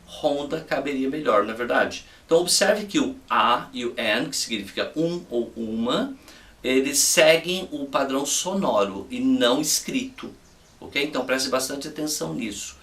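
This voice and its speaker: A man's voice: medium pitch, animated, normal speed, a bit bright, reverberant, recorded from a distance. A man giving a casual video lesson as an English teacher, patiently repeating examples and checking in with "ok?" after each point.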